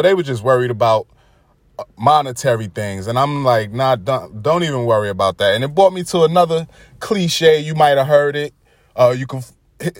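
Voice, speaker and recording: A man's voice: mid-range voice, no echo, studio quality. A man with a Brooklyn, New York accent, hosting his own podcast in a laid-back, casual motivational monologue. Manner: laid-back, conversational, chuckling asides. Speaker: podcast host.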